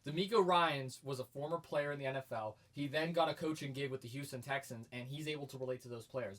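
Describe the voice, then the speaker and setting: A man co-hosting a sports podcast, chatting casually and getting emphatic and hyped as he argues his points. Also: mid-range voice. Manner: energetic and emphatic, gets loud and hyped.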